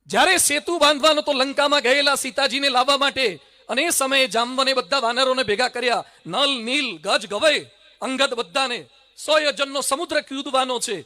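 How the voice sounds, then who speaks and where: A man giving a dramatic stage speech full of stories, swinging from loud to hushed. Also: very high-pitched, moderate pace. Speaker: public speaker. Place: stage at a public event.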